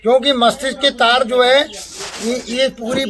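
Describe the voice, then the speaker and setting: Speaking in a very high, slightly bright voice with fairly even intonation, a spiritual teacher gives a satsang discourse. He moves slowly, restating each term and defining it as he goes.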